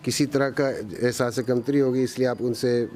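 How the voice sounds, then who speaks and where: A man's voice: mid-range voice, fairly even intonation, moderate pace, darkish tone, a little hiss or hum. Probing male street reporter. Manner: probing, restates answers back. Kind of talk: street interview.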